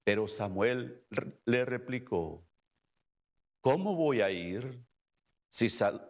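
Slow-reading male lector, medium pitch. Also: expressive. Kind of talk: solemn scripture reading.

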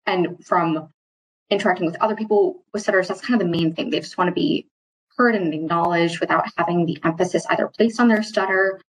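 This interview guest is an employee discussing stuttering, and she has a husky, slightly low voice. She answers with care, pausing and rewording her thoughts, while a mild stutter stays mostly hidden apart from the odd repeated start. Audio quality is poor.

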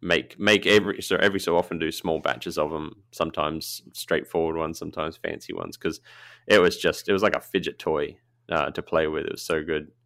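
A man's voice: very deep voice, steady tone, brisk, fairly bright tone, no room sound, clean studio sound. A man hosting a podcast, chatting casually with frequent laughs and filler words. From Australia. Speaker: podcast host, knifemaker.

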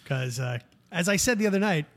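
A man's voice: high voice, expressive, brisk, a bit bright. A man co-hosting a podcast in casual chat, joking and loose with his language. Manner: joking, wisecracking, profane. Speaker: podcast co-host.

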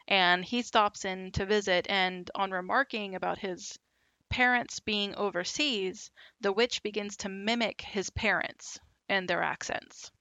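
A woman hosting a podcast, telling a story in a relaxed, casual way with lots of fillers. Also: mid-range voice, dry recording. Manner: relaxed, with many fillers and asides.

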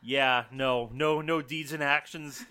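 A man co-hosting a casual podcast chat, blunt and animated, swearing freely. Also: medium pitch, takes it slowly, clear, resonant tone.

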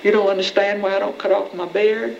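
A woman's voice: mid-range voice, level tone, a little fast, vocal fry, a little hiss or hum, lightly acted. A woman reading aloud as a huffy, pompous, ancient grandfather with a drawl, bristling at every slight. The sound is a roomy, dull old archival film recording. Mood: indignant. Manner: pompous, indignant. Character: ancient, rich, huffy grandfather with a long beard.

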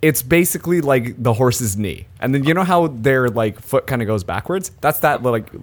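A man with a medium-pitched voice co-hosts a casual comedy podcast at a moderate pace. He reads out odd news stories as an animated storyteller, laughing often.

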